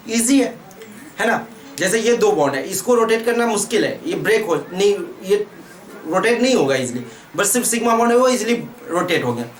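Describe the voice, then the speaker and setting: A man's voice: high-pitched, a little hiss or hum. A man with an Indian accent teaching chemistry at a board, asking questions and answering them himself while repeating key terms. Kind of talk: whiteboard lecture. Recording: echoey room, mic far off.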